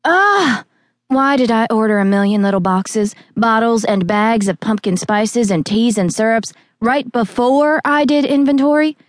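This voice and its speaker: A woman narrating a cozy mystery audiobook, voicing an excitable, exasperated female coffee shop owner who sounds overwrought and pleading. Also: fairly high pitch, a little slow, no echo, lightly acted.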